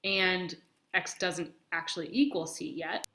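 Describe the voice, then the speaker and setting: A woman's voice: fairly low pitch, steady tone, measured pace, pushed and bright, slight background noise. Chatty woman teaching math, echoey room. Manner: chatty, many ums, talks to herself while writing. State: has the hiccups. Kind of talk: casual math lesson.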